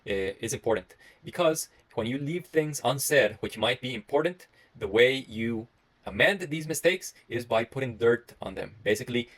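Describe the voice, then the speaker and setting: This Costa Rican man in his thirties, a medical resident with a Costa Rican Spanish accent, has a medium-pitched, expressive, slightly bright voice. His solo reflective talk to camera is earnest and rambling, full of pauses and restarts.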